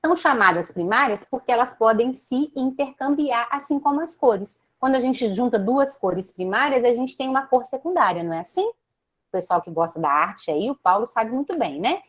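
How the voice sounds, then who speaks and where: A woman's voice: on the high side, moderate pace. A Brazilian woman giving a teaching talk over a video call, often putting questions to her listeners. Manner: lively, asks the audience many rhetorical questions, tags "né?". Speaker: speaker at a Spiritist meeting.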